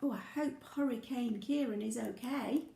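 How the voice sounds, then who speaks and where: Reading a picture story to young children at a moderate pace, a teacher with a somewhat high voice and some vocal fry stays playful and expressive. She throws in sound effects and questions for whoever is listening. Her voice echoes around the room.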